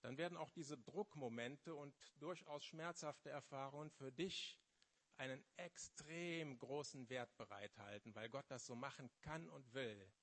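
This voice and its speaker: A man's voice: medium pitch, fairly bright tone. Male preacher, 50s, mid voice, hesitant then fervent, sermon testimony. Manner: halting, searching for words, then rising with fervor. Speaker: lay preacher.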